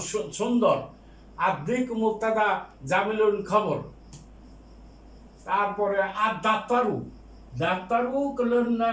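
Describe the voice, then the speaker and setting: A man teaching Arabic grammar in a recorded lecture, explaining slowly and repeating himself with many fillers. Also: high voice, fairly bright tone, echoey room, distant mic. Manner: recites Arabic prayer before the lesson.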